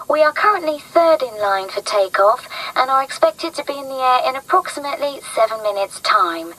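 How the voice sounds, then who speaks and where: A woman's voice: a little high, a bit bright, rough recording. A woman making polite, formal cabin announcements as a flight attendant.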